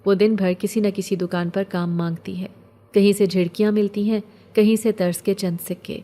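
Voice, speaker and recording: A woman narrating a scripted story in a steady, measured way. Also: mid-range voice.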